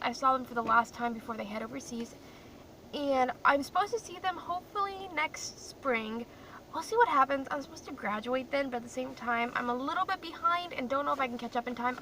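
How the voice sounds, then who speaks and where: With faint car noise behind a distant mic, a young woman raised in Croatia talks casually to her phone in a parked car. Her voice sits high and sounds pushed and bright as she rambles and jokes at her own expense.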